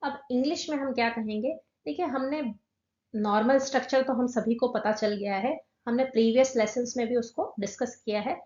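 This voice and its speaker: Higher-voiced woman teaching English. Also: darkish tone. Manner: patient, spells out English phrases slowly and clearly. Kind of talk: explanatory language lesson. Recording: roomy, slightly dull recording.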